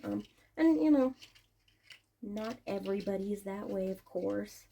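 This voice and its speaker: A woman's voice: mid-range voice, animated, unhurried, creaky, dark tone. A woman vlogger chatting casually and informally while she works, thinking aloud and drifting between asides. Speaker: online vlogger and small seller packing orders. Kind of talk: casual rambling chat while working.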